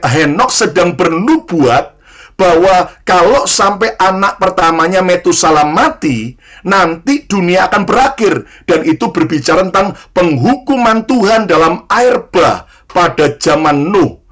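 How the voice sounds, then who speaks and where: A man's voice: sits high, a bit bright. A male pastor, preaching a sermon, leading his congregation in repeated call-and-response lines and joking lightly with them. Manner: jokes lightly and addresses listeners as brothers and sisters.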